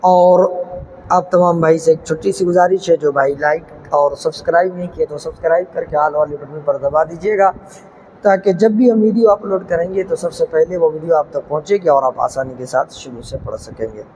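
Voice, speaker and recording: A male Quran teacher who explains recitation rules quickly and then recites each word slowly and drawn out. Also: a little high, a little mellow, long reverb tail, slight background noise, rough recording. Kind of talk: tajweed recitation lesson.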